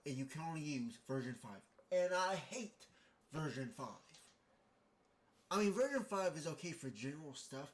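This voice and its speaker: A man hosting a podcast, rambling and self-interrupting in an exasperated casual monologue while reading text aloud. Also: on the high side. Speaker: podcast host.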